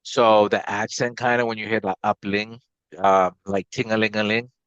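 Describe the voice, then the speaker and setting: A company CEO from Guyana who later lived in Maryland explains things casually as an interview guest. His voice is on the low side, bright and clean, with little pitch movement and a moderate pace. The recording is dry, slightly dull, and lo-fi.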